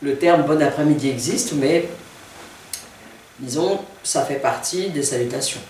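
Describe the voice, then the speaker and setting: Slow, patient language teacher in an echoey room. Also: mid-range voice, a little mellow, far from the mic, a little hiss or hum. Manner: careful, repeats each word several times; writes on a board while explaining. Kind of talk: video language lesson.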